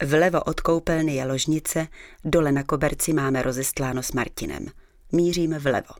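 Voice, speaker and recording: Low-voiced woman reading an audiobook. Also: no echo. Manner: dry, ironic storytelling. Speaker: audiobook narrator. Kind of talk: first-person audiobook narration.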